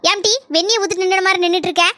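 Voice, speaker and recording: A woman's voice: extremely high pitch, little pitch movement, racing, bright, forceful tone, dry recording. A woman with a Kanyakumari Tamil accent voicing a chatty, gossiping village grandmother in a cartoon, in a chattering, scolding manner.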